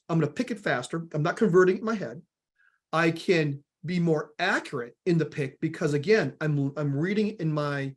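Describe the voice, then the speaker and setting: Hosting a product webinar, this Southern US man speaks in a slightly high voice. His delivery is energetic and full of repeated words, and he often calls his listeners "guys."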